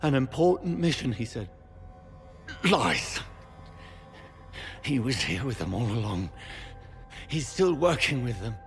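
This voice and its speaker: An actor playing a tortured, dying male knight who speaks weakly and haltingly, in pain. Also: medium pitch, big pitch swings, in a large hall, faint music behind. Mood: bitter. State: weak, in pain. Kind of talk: video game voice acting.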